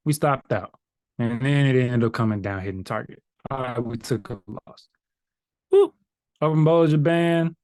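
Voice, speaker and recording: A man teaching a live class on stock charts, talking casually and breaking into sung filler sounds and asides to the chat. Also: mid-range voice. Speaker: trading instructor.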